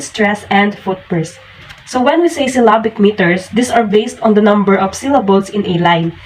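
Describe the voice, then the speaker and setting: A woman student teacher explaining poetry terms step by step in a recorded teaching demonstration, opening many sentences with "so". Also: medium pitch. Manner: explains in steady steps, starting many sentences with "so". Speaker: student teacher presenting a lesson. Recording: distant mic with faint room noise.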